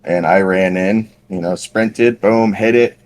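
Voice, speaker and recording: A man's voice: sits low, steady tone, measured pace, darkish tone, a little hiss or hum. A man on a podcast casually telling a long paintball story, rambling and self-deprecating with lots of fillers. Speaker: podcast co-host.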